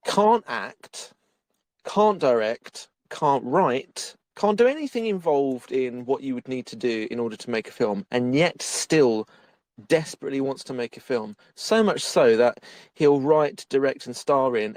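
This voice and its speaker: A man's voice: medium pitch, darkish tone, no room sound. A man co-hosting a podcast that reviews bad films, talking casually, laughing often and restarting his sentences. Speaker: podcast co-host. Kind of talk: casual film-review chat.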